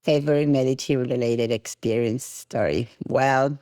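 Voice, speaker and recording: A woman's voice: extremely low pitch, fairly even intonation, measured pace, mellow, dry recording, clean studio sound. A middle-aged woman from Argentina with an Argentine accent, a podcast guest talking casually and laughing often, with many "you know" fillers. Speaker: guest, tango studio founder.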